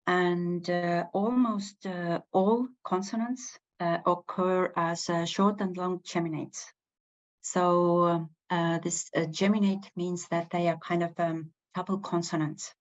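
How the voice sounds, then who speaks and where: A woman's voice: fairly low pitch, steady tone, takes it slowly, lo-fi sound. A woman with an Estonian accent, a native Estonian speaker, giving an unscripted language lecture, hesitant, with many fillers and restarts. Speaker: language teacher.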